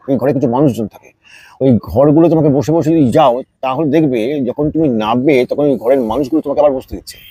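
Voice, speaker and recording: This is a man with a dark, husky voice of middle pitch. He talks as an interview guest offering advice, patiently, circling back on words to stress them. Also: no room sound. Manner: unhurried mentor-like explaining with repetition for emphasis. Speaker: jatra playwright and performer, interview guest. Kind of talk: reflective interview talk, giving advice.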